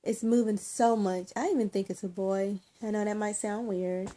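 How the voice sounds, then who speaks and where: A woman talking in a casual personal vlog, emotional and teary, halting with many ums and restarts. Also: medium pitch, fairly even intonation, dark tone. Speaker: vlogger.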